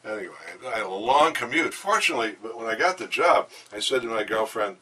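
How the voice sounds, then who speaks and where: During an interview in a hotel room, an older man rattles off rambling anecdotes quickly and animatedly, full of enthusiasm and fillers as he meanders. His voice is lowish with a sharp tone. A distant mic picks him up, with faint background noise.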